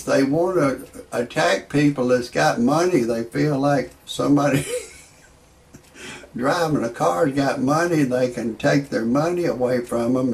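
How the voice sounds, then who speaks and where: A man with a gravelly, darkish, mid-range voice rambles through jokes and stories in a comedic monologue. An amateur comedian commentator, he often stammers and starts over, chuckling at his own material.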